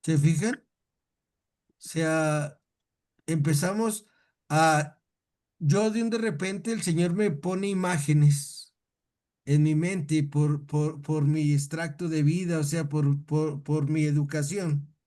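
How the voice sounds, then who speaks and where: A man with a Mexican Spanish accent leads a relaxed Bible class in a fairly high voice. He talks in a chatty, folksy way, stumbling over and repeating words and asking his listeners "right?" as he goes. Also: takes it slowly. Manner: chatty, repeats words, tells jokes, asks "¿sale?". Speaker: teacher leading a Bible class. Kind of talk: informal religious lesson.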